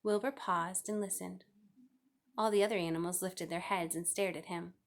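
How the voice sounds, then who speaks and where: A woman's voice: on the low side, fairly even intonation, normal speed. A woman reading a children's novel aloud as scripted narration. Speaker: storybook reader.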